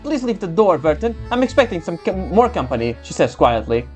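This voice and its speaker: A streamer of unclear gender commenting casually on a story game and reading its narration aloud, sometimes haltingly. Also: medium pitch, very animated, darkish tone. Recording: game music underneath.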